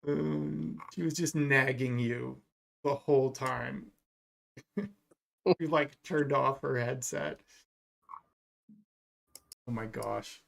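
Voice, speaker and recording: A man's voice: medium pitch, slow, creaky, long pauses, a bit bright. A man running a tabletop game in a loose, chatty way, laughing often. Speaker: game master. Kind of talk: casual tabletop game narration. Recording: faint background noise.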